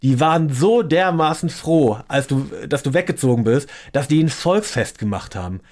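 A man's voice: on the high side, animated, normal speed, darkish tone. A man hosting a reaction video, giving mocking commentary in a dry, sarcastic tone. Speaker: reaction channel host.

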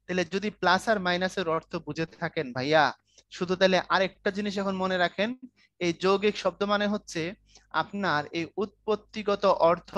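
A man's voice: high-pitched, a bit bright, no echo. A man giving an online Bangla grammar lesson. His voice is close and dry, with no room sound behind it. He jokes easily and keeps stopping to ask whether the class is following. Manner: joking, keeps checking students follow. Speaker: Bangla language teacher.

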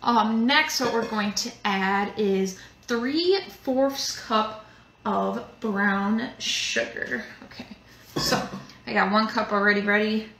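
A young adult woman hosts a casual live cooking demo for a museum cooking show from a home kitchen, chatty and rambling with plenty of fillers. Her mid-range voice is a bit bright and she takes it slowly. The kitchen sounds echoey, with background noise.

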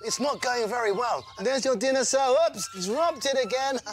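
Woman as clumsy patient, floppy arms, excitable, slightly high voice, kids' show. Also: normal speed, soft background music, close to an everyday voice. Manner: excitable and exclamatory. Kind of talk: children's TV acting.

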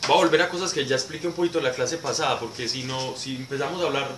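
A man's voice: medium pitch, rapid-fire. A man teaching a Bible class who explains terms patiently and repeats key words for emphasis. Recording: echoey room, distant mic, noisy background.

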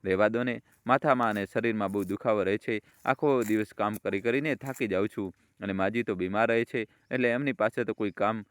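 A man's voice: fairly quick, no room sound, natural voice. A man voicing a harsh, bossy young wife who mocks and scolds. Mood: sweet-talking. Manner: shrill, mocking, bossy.

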